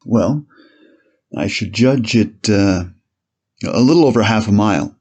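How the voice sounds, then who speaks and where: With lively intonation and a slightly mellow, low-side voice, a man acts as an 1890s police officer on the witness stand. His testimony in this dramatized courtroom reading is formal, measured and a little hesitant.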